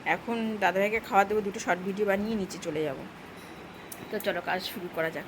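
A woman's voice: medium pitch, steady tone, quick pace, background noise. A middle-aged woman, chatting in a rambling home vlog and addressing viewers as friends. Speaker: vlogger. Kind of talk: casual home vlog narration.

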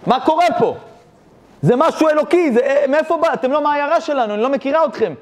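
A man voicing a young pious woman, tearful, grateful, high excited pleading voice. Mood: tearful amazement.

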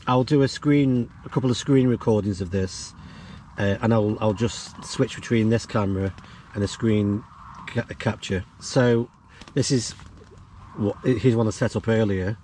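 Filming a vlog on a camera while camping, a middle-aged man demonstrates off-grid radio equipment in a relaxed, explanatory way, moving between a windy field and a canvas tent. He has a fairly low, darkish voice, and the audio carries slight hiss or hum.

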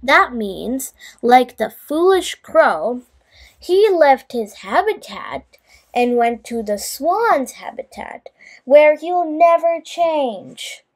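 This is a high-pitched woman reading a bedtime story to children; she speaks as the host to her young audience, with deliberate, expressive delivery.

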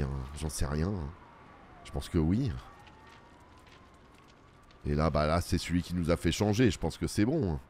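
A man with a fairly low voice talks his way through a video game in a loose, chatty commentary. He mutters running remarks to himself as he plays, and he keeps turning to his viewers with self-mocking asides. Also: darkish tone, slight background noise. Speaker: let's play host. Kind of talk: casual gameplay commentary.

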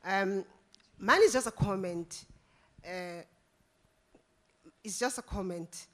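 A woman's voice: mid-range voice, slow. Woman audience member, insistent, stresses each point; handheld mic in a conference hall. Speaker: audience member at a panel, university staff. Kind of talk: impassioned comment from the floor. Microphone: handheld microphone.

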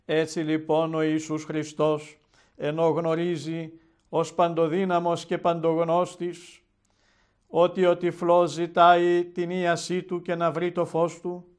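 Solemn bishop with a fairly high voice. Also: male voice, monotone. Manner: measured, solemn storytelling delivery. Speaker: Orthodox metropolitan bishop. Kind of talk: televised Gospel sermon.

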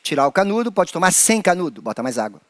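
Lively, high-voiced Brazilian man. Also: fast talker, slight background noise. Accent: Brazilian Portuguese. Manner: animated, playful, acts out creatures in squeaky high voices. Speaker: children's performer leading a hand-play workshop. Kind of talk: playful children's lesson with acted little voices.

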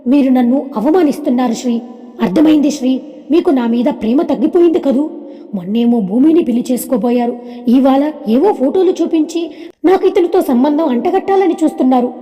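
A woman's voice: high voice, fairly quick, dark tone, faint music behind, close to an everyday voice. A woman voicing a young woman who protests indignantly and tearfully that she is being wronged, in a storybook with long reverb. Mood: hurt. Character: young woman insisting on her identity.

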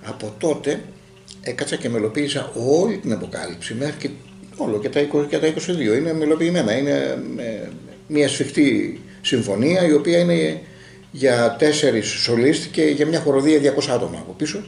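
A man's voice: medium pitch, lively intonation, vocal fry, darkish tone, echoey room. A man telling a long story in casual group talk and acting out the dialogue as he goes.

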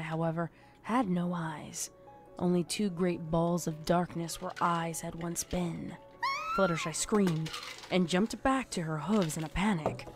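A woman with a lowish voice narrates a scripted horror story. Her delivery is measured and dramatic, like a storyteller's.

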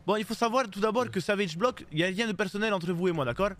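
A brash man plays a gang character in a GTA roleplay. He talks fast in a high voice and teases the others, often repeating the same phrase. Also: a bit bright. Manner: brash, teasing, repeats himself. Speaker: streamer playing a gang character.

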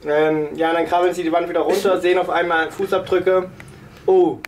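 A man in his thirties improvising a joking fairy tale for friends in short, halting phrases. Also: fairly high pitch, little pitch movement, a little hiss or hum. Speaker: storyteller. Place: room in a home, indoors.

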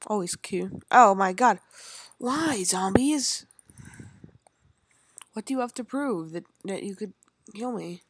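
A young woman chats and rambles through casual gameplay commentary, addressing herself and her viewers. She takes it slowly with frequent pauses, her medium-pitched voice lively and edged with breathiness, in a dry recording.

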